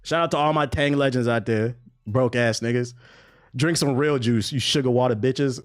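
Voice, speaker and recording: A man's voice: medium pitch, moderate pace. A young man riffing casually on gaming news during a live stream, mocking and profane, with bursts of laughter between comments. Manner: animated, profane, mocking banter.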